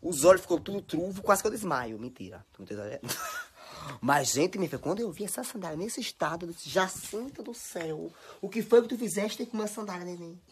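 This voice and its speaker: A woman's voice: on the low side, expressive, a little fast, few pauses, a little hiss or hum. A young woman with a Bahian accent talking dramatically and exaggeratedly at home into her phone, scolding and chattering. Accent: Bahian Brazilian Portuguese. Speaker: social media personality. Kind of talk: casual phone stories monologue.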